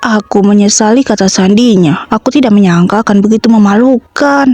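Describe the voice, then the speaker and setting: A woman reads a romance comic aloud in a scripted style, taking on every part herself. Her voice sits at a middle pitch and stays even and steady. Faint music plays softly behind her. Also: a little fast, no echo. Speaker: comic dub reader. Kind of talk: scripted reading of a romance comic, voicing all parts. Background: faint background music.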